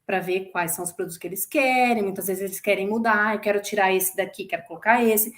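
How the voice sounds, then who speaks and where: A Brazilian woman in her forties, a former flight attendant, chatting in an interview and telling stories with lively acted-out quotes. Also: mid-range voice, fast. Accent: Brazilian Portuguese. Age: 40s. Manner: lively storyteller who acts out quoted voices. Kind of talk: casual chat interview.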